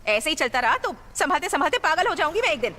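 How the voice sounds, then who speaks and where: A woman's voice: very animated, fast, sharp tone, slight background noise, heavily acted. An actress dubbing a middle-aged working-class mother who nags and rants at her family. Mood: ranting. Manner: shrill, nagging rants. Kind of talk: Hindi film dub. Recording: film soundtrack with music and crowd.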